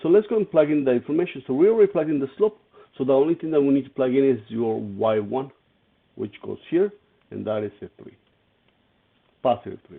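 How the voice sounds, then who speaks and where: His voice is mid-range and gravelly with a breathy edge as this math teacher walks his class through an algebra problem step by step, stopping to ask students questions. The recording sounds tinny and lo-fi, almost like a phone call.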